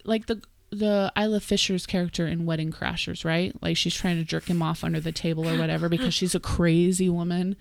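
A woman's voice: on the low side, steady tone, brisk, gravelly, few pauses. A woman co-hosting a podcast in casual chat, thinking aloud with fillers. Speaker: podcast co-host.

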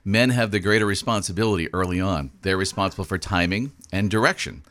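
A man with a very low voice speaks as a ballroom dance instructor and radio guest. His delivery is smooth and practiced, like someone used to voicing commercials, with dry jokes along the way. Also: fast, a bit bright. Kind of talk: radio interview. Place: radio studio.

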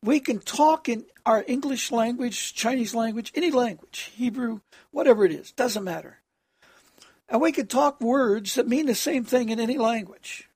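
Harsh, hoarse preacher with a gravelly rasp. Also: medium pitch, a little mellow, no room sound. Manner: halting, with frequent throat clearing. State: hoarse, having trouble with voice, clearing throat. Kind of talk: extemporaneous sermon addressed as prayer.

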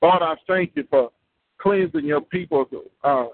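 A man's voice: a little high, a little slow, no room sound. Fervent man praying over a tinny phone line. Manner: rhythmic repetitive praying with tongues. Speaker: prayer leader. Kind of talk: fervent spoken prayer.

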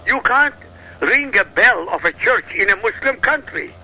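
Forceful, gravelly man from Iraq. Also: very high-pitched, lively intonation, moderate pace, poor audio. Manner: emphatic, insistent, rhetorical questions. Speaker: guest commentator. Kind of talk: heated political talk.

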